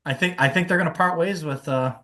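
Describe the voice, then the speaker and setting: A man's voice: on the high side, fast, bright, forceful tone. A man co-hosting a sports podcast, rambling and laughing easily. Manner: laughs often, rambling, swears casually. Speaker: podcast co-host. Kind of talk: casual sports chat.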